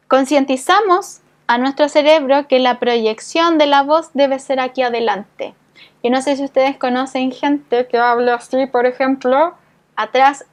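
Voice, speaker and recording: High-voiced woman teaching a voice class. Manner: patient, explanatory, frequent check-ins with the class. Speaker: voice therapy instructor. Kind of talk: community class lesson.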